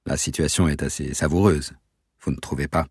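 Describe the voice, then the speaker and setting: A man voicing a calm, intense young captain who speaks in a quiet, steady, insistent way. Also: a bass voice, fairly quick, slightly rough, no echo, clean studio sound. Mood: calm, knowing.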